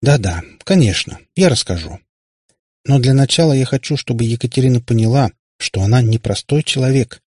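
A man's voice: medium pitch, lively intonation, brisk, a little mellow, no room sound, clean studio sound, voice pushed up, close to an everyday voice. A male narrator voicing a tired warlock father who rambles pedantically. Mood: weary. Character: weary, long-winded warlock father.

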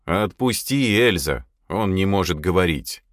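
A man voicing a stern, commanding older man who speaks slowly and with calm menace. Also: low voice, no room sound, clean studio sound. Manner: slow, measured, commanding.

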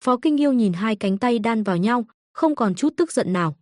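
A woman reading an audiobook story in a steady scripted narration. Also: fairly high pitch, normal speed, dry recording, studio quality.

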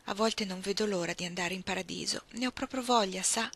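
A woman's voice: medium pitch, fairly quick, a bit bright, husky. Woman voicing a chatty old Southern lady. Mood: wistful. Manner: chatty, fond storytelling. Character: elderly chatty Southern woman, gentle and wistful.

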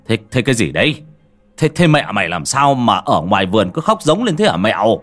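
A man's voice: fairly low pitch, sing-song, a little fast, fairly bright tone, soft background music. A man voicing a flustered older village father, asking stammering questions. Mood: startled.

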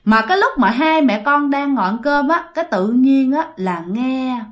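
A woman with a Southern Vietnamese accent telling a ghost story in an animated way, speaking straight to her listeners. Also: high-pitched, moderate pace.

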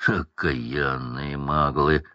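A man voicing a huge, gruff male gamekeeper who growls in blunt, folksy speech, read dry and close. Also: extremely low pitch, fairly even intonation, very slow, bright, forceful tone, no room sound, lo-fi sound, pitched below the performer's own voice, exaggerated voice. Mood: growling.

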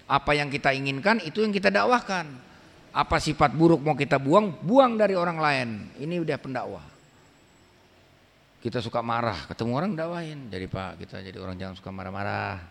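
A man giving a colloquial, emphatic religious talk, his pitch swinging up sharply for emphasis. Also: animated, brisk, vocal fry, fairly bright tone. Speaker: preacher. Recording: long hall reverb.

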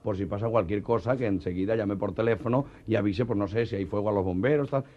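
A man's voice: lowish voice, fast talker, lightly acted. A man voicing a worn-out sawmill owner, on a dull old cassette. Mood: weary. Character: exasperated sawmill owner, middle-aged man.

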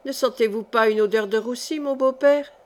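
A woman voicing a cold, calculating male seneschal in an audiobook, measured and insinuating. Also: fairly high pitch, darkish tone, close to an everyday voice. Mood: sinister. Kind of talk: audiobook character reading.

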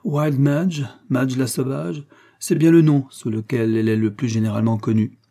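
A man's voice: medium pitch, fairly even intonation, moderate pace, mellow, close to an everyday voice. A man voicing a polite, eager rancher in a read-aloud adventure story, speaking effusively. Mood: earnest.

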